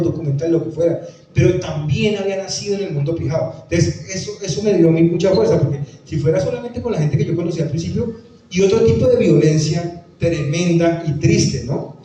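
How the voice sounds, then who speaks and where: A man's voice: a little high, mellow, recorded from a distance, a little hiss or hum. Emphatic Tolima-accented man in an echoey hall. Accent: Tolima Colombian Spanish. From Tolima, Colombia. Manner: emphatic, repeats phrases, acts out quoted voices. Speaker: lecturer on the Pijao language. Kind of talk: conference talk answering audience questions.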